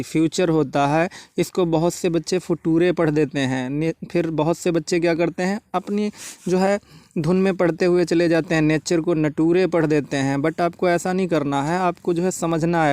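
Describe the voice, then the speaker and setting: A man's voice: fairly high pitch, darkish tone, clear, resonant tone, no echo. A man teaching English pronunciation in a repetitive lesson style, checking often that students follow. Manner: repetitive, checks understanding with frequent "theek hai". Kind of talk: classroom-style spoken lesson.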